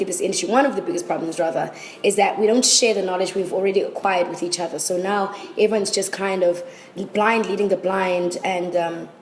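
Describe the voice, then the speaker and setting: A woman's voice: medium pitch, a little mellow. A South African woman giving articulate, explanatory answers in a conversational interview. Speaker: interview guest, presenting teacher. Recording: roomy echo with faint background noise.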